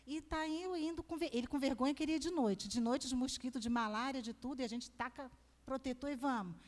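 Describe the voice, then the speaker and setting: Woman preacher, middle-aged, from Brazil; animated, emphatic testimony, high voice, reverberant sanctuary. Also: brisk. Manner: animated storytelling, emphatic, acts out quoted voices. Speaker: preacher at a women's congress. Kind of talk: sermon with personal testimony. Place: church sanctuary. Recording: long reverb of a church hall.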